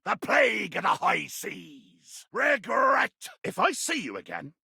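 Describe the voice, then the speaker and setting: Captain Jacques Spiro, wildly swooping raspy pirate. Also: male voice, high-pitched, big pitch swings, slow pace, pushed and bright, no room sound, studio quality, full character voice. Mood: furious, grandiose. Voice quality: raspy, gravelly growl. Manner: grandiose, archaic seafaring speech with florid threats. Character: bombastic, bloodthirsty, theatrical pirate captain trapped in a bottle. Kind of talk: theatrical video game character acting.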